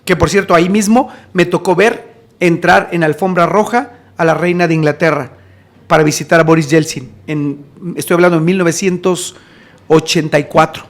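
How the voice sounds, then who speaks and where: A man from Mexico with a Mexican accent, an evangelist guest telling stories in lively conversation and acting out the people in them. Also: on the high side, moderate pace. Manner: animated, acts out the people in his stories. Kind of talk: conversational storytelling.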